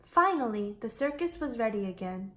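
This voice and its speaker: A woman reads aloud from a picture book for children, animated like a storyteller, her pitch a little high and her pace moderate.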